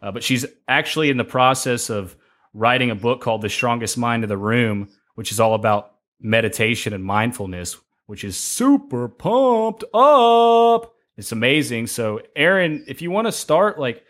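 A man's voice: mid-range voice, normal speed, fairly bright tone. A man hosting a podcast interview, chatting casually and with gushing enthusiasm. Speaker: podcast host.

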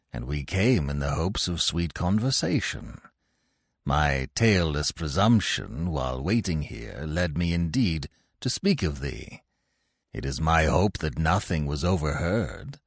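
A man voicing a sly, flattering male jackal who wheedles softly. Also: measured pace, creaky, slightly rough, no echo, clean studio sound, exaggerated voice. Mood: fawning. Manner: low, soft, wheedling.

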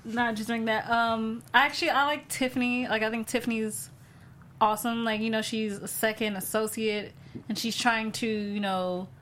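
A woman's voice: fairly high pitch, steady tone, normal speed, a bit bright, a little hiss or hum. A woman from Illinois chatting enthusiastically on a TV talk panel, laughing often. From Illinois, USA. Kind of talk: casual chat.

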